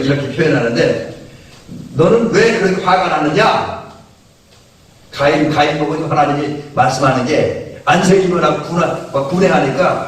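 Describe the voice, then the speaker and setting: A man pastor preaching an evening sermon in a conversational way, full of fillers and restarts. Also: on the high side. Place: church sanctuary. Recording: echoey church hall, mic far off.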